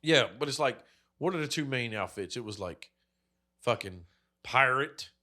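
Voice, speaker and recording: Expressive and pushed, with a bright medium-pitched voice, this man talks at a moderate pace. He co-hosts a podcast, telling rambling stories with heavy swearing and many "like" fillers in casual profane chat.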